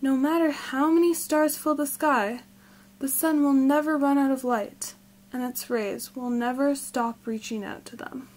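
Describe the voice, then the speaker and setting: A woman voicing a gentle motherly raccoon. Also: sits high, fairly even intonation, unhurried. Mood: soothing. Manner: warm, soothing, motherly.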